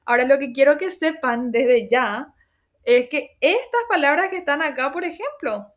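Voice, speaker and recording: A woman's voice: high voice, expressive, normal speed. Patient woman teacher explaining grammar. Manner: patient explaining, often checks with "¿verdad?"; reassuring, laughs at herself. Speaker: language teacher. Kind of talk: online class lecture.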